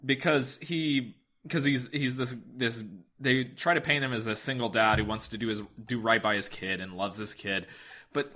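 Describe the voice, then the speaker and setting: A man talking casually as a podcast guest, animated and repeating words as he gathers his thoughts. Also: medium pitch.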